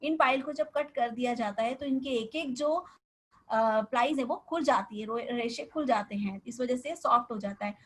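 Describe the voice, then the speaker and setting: A woman's voice: fairly high pitch, normal speed, slightly rough, low-quality recording. Woman lecturing with questions to the class. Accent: Hindi. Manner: explains step by step, often asks the class questions. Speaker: teacher. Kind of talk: classroom lecture on garment terms.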